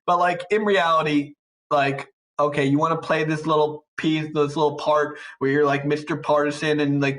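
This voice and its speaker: Guy on a podcast ranting, sarcastic, high bright voice. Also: rough recording. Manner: ranting, sarcastic, mocking imitations. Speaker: podcast co-host. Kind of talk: casual chat.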